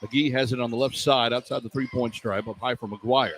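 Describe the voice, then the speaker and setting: Calling basketball live on the radio from an indoor arena, this play-by-play man describes each moment in terse, running phrases. He speaks at a mid-range pitch with fairly even intonation and a fairly quick pace, over the noise of the live broadcast.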